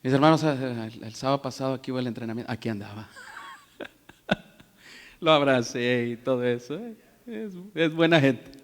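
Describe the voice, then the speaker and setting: A man, preaching a sermon as pastor, telling stories in a chatty way and building to loud preaching. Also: medium pitch, animated, moderate pace, pauses often. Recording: long hall reverb.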